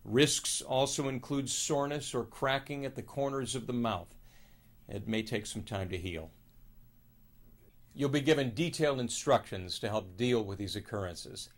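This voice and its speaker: A man plays a middle-aged oral surgeon in an educational video. He explains in a calm, formal, measured way, as scripted narration at an average male pitch. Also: natural voice. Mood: measured, explanatory. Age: 50s.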